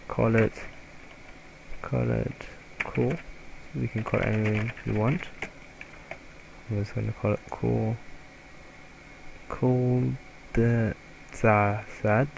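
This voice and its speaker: A young man with a German accent talks through a software tutorial, stopping and restarting his words as he goes. His voice is low and gravelly, and his delivery is slow. A faint background noise sits under the recording. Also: little pitch movement. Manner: halting, self-correcting, hesitant. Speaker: student presenter.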